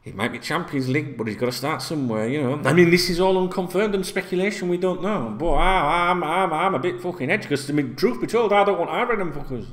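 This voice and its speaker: A middle-aged football vlogger from Yorkshire, England talks straight into the camera from a small, plain-walled room, rambling along conversationally and swearing heavily. He's a fast talker with a slightly high voice, barely pausing at all.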